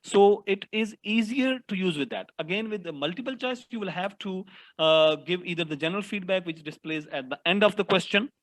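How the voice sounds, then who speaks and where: A man with a slightly high voice answers questions after his workshop talk on a video call. He explains technical steps eagerly and restarts his sentences often as he works through the details. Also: expressive, brisk, a bit bright, poor audio. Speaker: workshop presenter.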